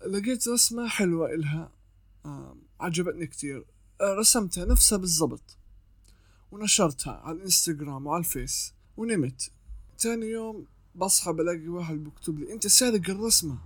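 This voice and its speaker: A man talks quickly and casually, walking the listener through advice step by step and often restarting his sentences. His voice sits a little high, and the recording is dry and close, with no room sound. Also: animated, no echo. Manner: chatty, explains step by step with frequent restarts. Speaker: artist giving freelancing advice.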